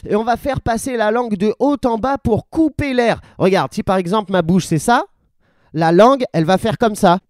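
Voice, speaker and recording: A man's voice: sits high, normal speed, no room sound, studio quality. A man from France teaching a comic beatbox tutorial, playful and clowning with mock-indignant outbursts.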